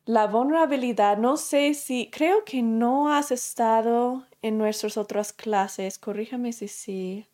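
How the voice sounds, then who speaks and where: A woman's voice: fairly high pitch, slow, few pauses, warm tone. Woman teaching a class in easy conversational speech. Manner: explains through self-questioning and acted examples; conversational, with fillers and self-corrections. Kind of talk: spoken lesson to a class.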